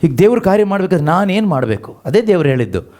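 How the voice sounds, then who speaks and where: Animated male preacher with rising pitch. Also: fast. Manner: animated, asks the congregation rhetorical questions; has the congregation read verses aloud and repeats each line after them. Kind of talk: sermon.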